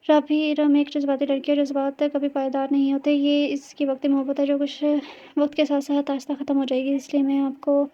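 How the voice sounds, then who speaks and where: A woman's voice: high-pitched, monotone, brisk, warm tone, lightly acted. Woman reading as a guarded doctor husband. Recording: dull lo-fi recording.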